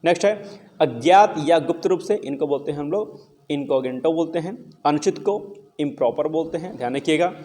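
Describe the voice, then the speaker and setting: A young man with a slightly high voice teaches exam vocabulary in a relaxed, encouraging way. He keeps asking his students a question and then answering it himself. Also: fairly quick. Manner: casual, encouraging.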